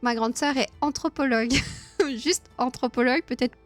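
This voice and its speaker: A woman's voice: sits high, moderate pace, soft background music. A woman hosting a casual live stream, chatting with her viewers, laughing often and filling her talk with hesitations. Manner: chatty, laughs often, many fillers and restarts.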